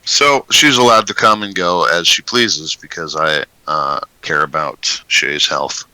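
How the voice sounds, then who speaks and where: A man's voice: a bass voice, measured pace, bright, forceful tone, no room sound, low-quality recording. A young man running a tabletop game as game master, laid-back and joking between turns.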